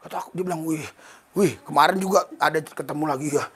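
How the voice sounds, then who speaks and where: A male pastor preaching a lively sermon to a church congregation, often laughing and slipping into playful voices to act out prayers. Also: on the high side, quick pace, breathy edge.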